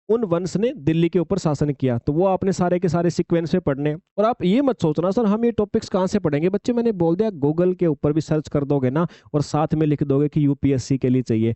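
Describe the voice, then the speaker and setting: A man's voice: on the high side, dark tone, dry recording. A male coaching teacher lecturing students through an exam syllabus, calling them children, repeating points and asking rhetorical questions.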